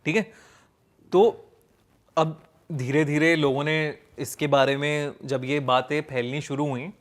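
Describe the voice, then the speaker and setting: A man casually telling a ghost story, pausing with fillers as he builds suspense. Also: a little high. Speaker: storyteller guest.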